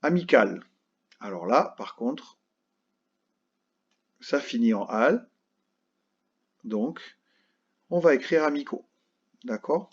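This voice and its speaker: A man with a slightly husky voice teaches a recorded lesson to young children. He speaks slowly and patiently, spelling words out letter by letter and checking in often. The sound is a little dull and lo-fi. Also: medium pitch, expressive. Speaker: primary school teacher.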